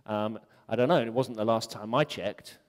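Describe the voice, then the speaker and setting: A man's voice: lowish voice, moderate pace. A man giving a conference talk, chatty and joking, with many ums. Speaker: conference speaker. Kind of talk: conference talk on web design. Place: conference hall. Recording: long hall reverb.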